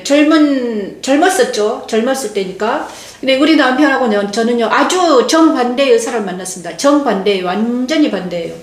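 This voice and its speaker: An older woman pastor giving a testimony sermon, speaking slowly and haltingly with many restarts and pauses. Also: a little high. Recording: echoey room.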